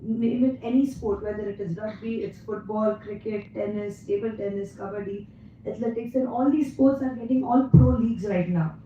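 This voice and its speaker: An Indian woman from Mumbai gives an energetic talk as a guest speaker at a physiotherapy conference, her mid-range voice partly gone, often pausing with "uh." The recording has slight background noise, an echoey hall and a distant, dull mic.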